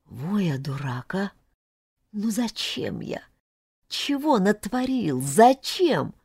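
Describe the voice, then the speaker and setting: A woman reading an audiobook, voicing a caring, somewhat awkward young man in a lowered, soft voice. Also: wildly swooping pitch, a little slow, slightly rough, no room sound, studio quality, heavily acted. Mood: flustered. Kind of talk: audiobook character voice.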